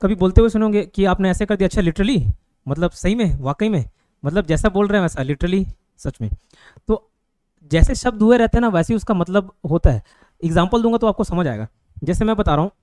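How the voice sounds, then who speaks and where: This Indian-accented man has a high, somewhat dark voice, captured dry without any room echo. Leading an online grammar class, he takes things slowly and keeps stopping to check that the students understand.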